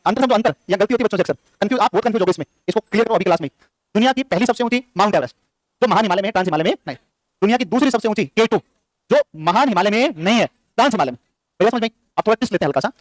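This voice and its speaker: A man's voice: high-pitched, no room sound. A male teacher giving a classroom lecture, quizzing his students over and over. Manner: rapid, repetitive quizzing of students. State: short on sleep.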